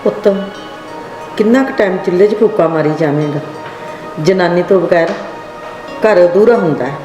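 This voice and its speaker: A woman's voice: lowish voice, moderate pace, close to an everyday voice. An older woman with a Punjabi accent, acting an insistent mother who keeps urging her son to remarry. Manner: insistent, scolding. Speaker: nagging mother. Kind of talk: village drama acting. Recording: echoey room with loud background music.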